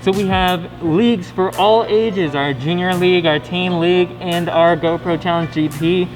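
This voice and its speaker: A man's voice: high voice, normal speed, rough recording. A man hosting a casual question-and-answer video, chatting informally and often tagging sentences with questions. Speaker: company video host. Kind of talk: casual scripted-outline Q&A to camera. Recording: steady music behind the voice.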